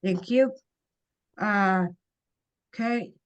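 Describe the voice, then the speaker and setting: A woman from Ontario leads a council webinar over a video call. She speaks slowly and carefully in a mid-pitched voice, reading from prepared notes. Now and then she stumbles and restarts a word. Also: clear, resonant tone, dull audio. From Ontario, Canada. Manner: slow and careful, with small restarts. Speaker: webinar host, council member.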